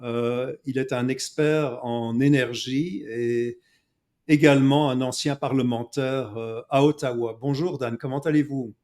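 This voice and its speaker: A Belgian-born man hosting an interview, speaking in a measured way with frequent fillers. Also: mid-range voice, fairly even intonation, darkish tone. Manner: measured, frequent "euh" and "donc". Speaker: host. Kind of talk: conversational interview.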